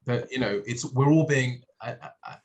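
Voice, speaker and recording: A man from Hong Kong in a casual podcast discussion, talking in halting bursts full of restarts and fillers. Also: mid-range voice.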